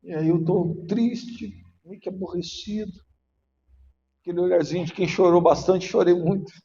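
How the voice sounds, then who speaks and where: High-voiced preaching man in an echoey church. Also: steady tone, moderate pace, creaky. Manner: emotional, rising to shouted preaching. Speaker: pastor. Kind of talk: sermon. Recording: muffled echoey church hall.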